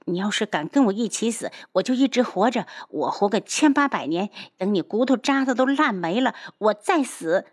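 A woman voicing a pretty, hot-tempered young man who shouts his insults in a high, agitated voice. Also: normal speed, lightly acted. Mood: furious.

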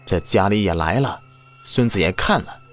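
A man voicing a stern old village exorcist who scolds and commands loudly. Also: fairly low pitch, lively intonation, normal speed, soft background music, close to an everyday voice. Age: older.

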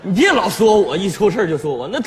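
A man's voice: high-pitched, sing-song, fast talker, a crowd in the background. A man performing sketch comedy, whiny and complaining. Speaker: comic actor playing a son. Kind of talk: northeastern Chinese sketch comedy.

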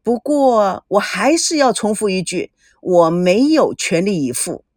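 A woman voicing a sly, playful older brother who teases in a lowered, drawling voice. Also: sing-song, unhurried, a little mellow, no echo, clean studio sound. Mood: smug.

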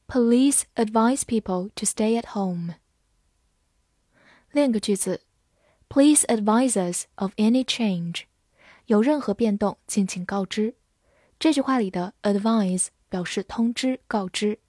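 A woman teaching an English vocabulary lesson, spelling words letter by letter and reading example sentences slowly. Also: mid-range voice, mellow, no room sound, clean studio sound.

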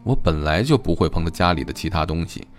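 A man's voice: deep voice, expressive, quick pace, soft background music. A man voicing an earnest young man who sounds hesitant and embarrassed.

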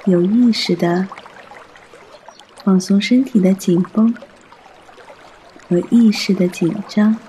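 A man guiding a meditation in a soft, soothing, unhurried way, as a meditation guide. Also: sits high, slight background noise.

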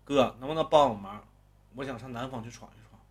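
A man's voice: mid-range voice, brisk, darkish tone, slightly rough, close to an everyday voice. A man voicing a coarse young fugitive gangster. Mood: pleading, grateful. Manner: crude, swearing. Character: young tough male gangster on the run, coarse.

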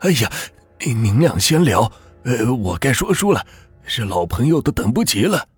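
A man voicing a cheerful, eerie old morgue keeper gone mad, in a folk ghost story, with a husky, theatrical storyteller's cadence. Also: mid-range voice, sing-song, normal speed, no room sound, soft background music. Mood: eerily cheerful.

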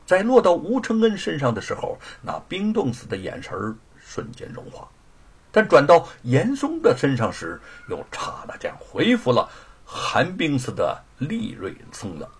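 Husky, dramatic male storyteller. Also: huge pitch swings, moderate pace. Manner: dramatic, sweeping pitch swings. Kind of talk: traditional Chinese storytelling narration.

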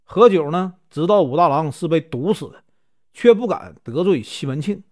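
A man with a Northeastern Mandarin accent tells a classic story in a casual, chatty way, dropping filler particles between phrases. His voice sits a little high and swings freely up and down. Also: lively intonation, moderate pace, a little mellow. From Northeast China. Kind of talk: casual folk-tale narration.

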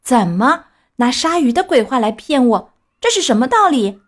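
Brief: woman reading as a boastful boy puppet, high, lively, cheeky storybook kid. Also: moderate pace. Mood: indignant. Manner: high, loud, playful child voice. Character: mischievous boy wooden puppet, cocky and boastful.

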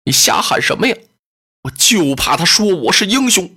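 A storyteller voicing a cautious, humble male lord who speaks low, hushed and soothing in traditional storytelling. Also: big pitch swings, normal speed, slightly rough, heavily acted.

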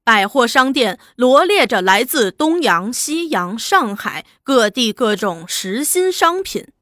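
A woman narrating a serialized novel in an expressive, lively storytelling manner. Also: on the high side, takes it slowly, no room sound, clean studio sound. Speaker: audiobook narrator.

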